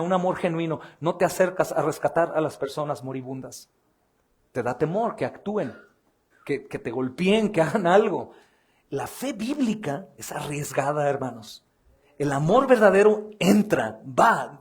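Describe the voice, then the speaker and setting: A male pastor with a Mexican Spanish accent delivers a fervent sermon in a fairly high-pitched voice. He swings between loud emphatic bursts and quiet, intense asides, often addressing his listeners as brothers. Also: slightly rough.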